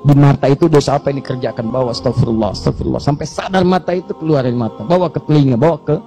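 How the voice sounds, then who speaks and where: A man preaching a sermon, swinging between high urgent appeals and hushed low prayers. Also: racing, faint music behind.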